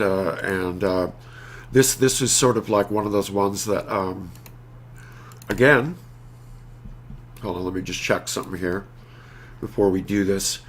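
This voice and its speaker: A man's voice: fairly low pitch, a bit bright. A man hosting a casual live synth show, talking in a rambling, laid-back way with many fillers and restarts. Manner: laid-back, a little profane.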